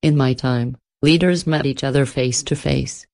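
A woman voicing an ancient, cultured and menacing entity in a storybook reading, speaking in an even, measured, softly spoken way. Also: rumbling low. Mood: menacing, amused.

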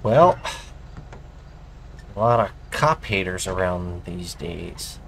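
A lower-pitched man with a lively, swinging delivery plays a cop in a game roleplay. He reels off radio calls and talks through his own moves, swearing freely. Faint game noise and sirens run under him. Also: takes it slowly, vocal fry. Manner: animated, swears, narrates his actions aloud. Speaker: police officer player. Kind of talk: in-character police radio calls and casual gaming chat.

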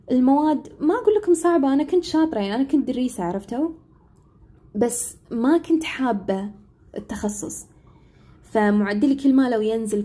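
A woman's voice: a little high, mellow. A young woman, an English teacher chatting casually on a live stream and often checking in with "right?".

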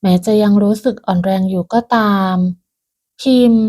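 Warm-toned woman telling a folk tale. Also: medium pitch, fairly even intonation, normal speed. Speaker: storyteller. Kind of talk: scripted folk-tale narration.

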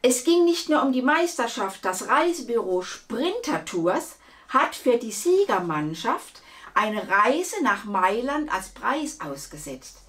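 A woman reading a children's book aloud, with lively, expressive storytelling. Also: fairly high pitch. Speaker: storybook reader.

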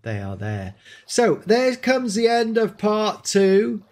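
A man's voice: high-pitched, huge pitch swings, slow, a little mellow. A man hosting an enthusiastic gameplay showcase, exclaiming often as he shows off new creatures. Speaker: game showcase host. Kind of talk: excited gameplay commentary.

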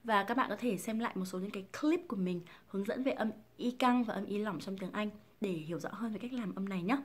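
Woman teaching English pronunciation. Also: mid-range voice. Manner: explanatory, drills words slowly and repeats sounds. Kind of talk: pronunciation lesson.

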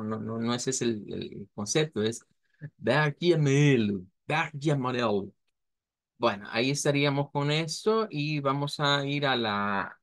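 A man teaching a language lesson, patiently slowing down to model each word and often checking in with his students. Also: medium pitch, no echo. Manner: patient, slows down to model pronunciation, often adds a checking "right?".

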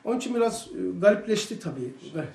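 A man giving a religious lesson to a small circle, telling stories in an animated, emphatic way. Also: sits high, fast talker, gravelly. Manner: animated storytelling, emphatic outbursts. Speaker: religious study teacher. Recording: echoey room, mic far off.

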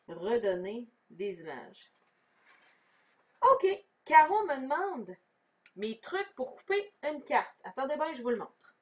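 A woman with a Québécois French accent leads a casual, chatty craft tutorial, explaining each step and answering viewers. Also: medium pitch. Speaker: crafting demonstrator. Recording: voice somewhat far from the mic.

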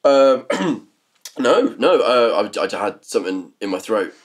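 An actor playing a hapless young man in a sitcom, awkward and stammering, with a slightly husky voice. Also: medium pitch, sing-song, unhurried. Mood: flustered. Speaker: lead character in comedy series. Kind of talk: sitcom acting.

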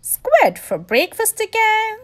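A woman's voice: high voice, huge pitch swings, slow pace, fairly bright tone, full character voice. A woman voicing a grumpy, complaining young male lobster in a storybook, with a sulky, disgruntled way of talking.

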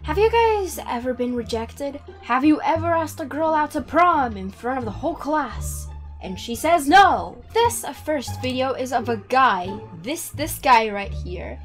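A young woman hosting a reaction video, excitable and giggly, often gasping as she comments on clips. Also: high-pitched, unhurried, few pauses, soft background music. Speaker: YouTube reaction host.

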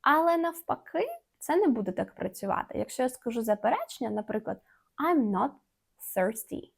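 A woman teaching English in an online video lesson, with a somewhat high, gravelly voice whose pitch leaps up and down with animation. She explains in a playful, affectionate way and slows down to read each example sentence clearly. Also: lively intonation. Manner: playful, uses fond diminutive words.

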